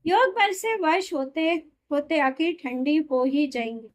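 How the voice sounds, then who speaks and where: A woman reading a spiritual discourse aloud in a steady, explanatory way, sometimes correcting herself mid-word. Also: high voice, a little slow. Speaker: reader of a daily spiritual discourse.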